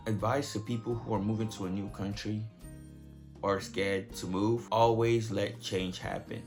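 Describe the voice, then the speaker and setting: Young man, from Nigeria, fried raspy edge, low voice, faint music behind, joking vlog chat. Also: moderate pace. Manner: joking, profane, animated storytelling. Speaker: vlogger. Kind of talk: casual storytelling to camera.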